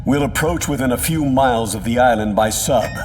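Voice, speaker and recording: An actor playing a stern older retired colonel, giving an authoritative, measured military briefing. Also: male voice, medium pitch, distant mic, music in the background, natural voice. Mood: businesslike. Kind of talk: cinematic voice acting.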